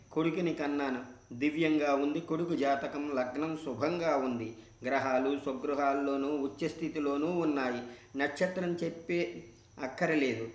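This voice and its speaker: A man reading a scriptural story aloud in a measured, devotional way, in a roomy, dull recording. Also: medium pitch.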